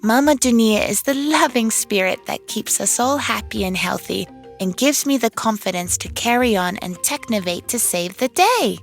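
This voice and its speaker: Over background music, a woman with a slightly high, expressive voice plays a confident young girl inventor in a children's read-along cartoon story. At a normal pace, she sounds cheerful, proud, and encouraging.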